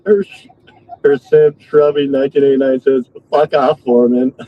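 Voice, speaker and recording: A man's voice: medium pitch, little pitch movement, moderate pace. A man bantering casually on a livestream in a crude, taunting way. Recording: muffled lo-fi stream with background noise.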